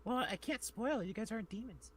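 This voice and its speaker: A woman's voice: a little high, expressive, fast, noisy background, lightly acted. A woman playing a cheerful, chatty demon student who rambles casually with plenty of fillers.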